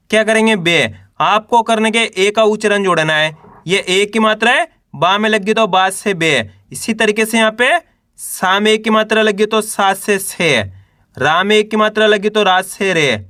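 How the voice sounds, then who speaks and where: A man's voice: high voice, pushed and bright, dry recording, studio quality. A man teaching Hindi reading step by step, sounding out syllables and asking and answering his own questions. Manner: Hindi teacher using colloquial "apan" for "we".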